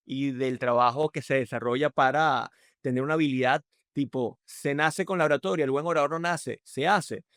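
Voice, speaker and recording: A man's voice: no echo, clean studio sound. A Venezuelan man with a Venezuelan accent, a podcast guest explaining communication emphatically and shifting his tone to demonstrate. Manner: emphatic, varies his pitch and loudness to demonstrate. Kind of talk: conversational explanation.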